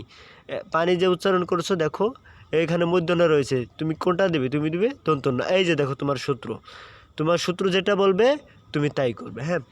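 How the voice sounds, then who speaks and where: A man teaching an admission-prep lesson, patient and repeating key points while checking understanding. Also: on the high side. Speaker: admission tutor. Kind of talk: online exam-prep lesson.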